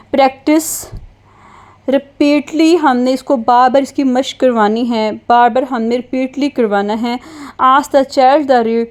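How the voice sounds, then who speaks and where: A woman teaching children to read Quranic letters, slowly drilling sounds and repeating them with patient guidance. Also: on the high side. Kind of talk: slow instructional lesson, repeating sounds for children.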